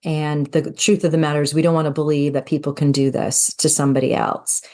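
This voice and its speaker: A woman's voice: low-pitched, little pitch movement, brisk, darkish tone. A middle-aged woman co-hosting a podcast, telling her account in an earnest, storytelling way. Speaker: podcast co-host. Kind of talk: conversational podcast discussion.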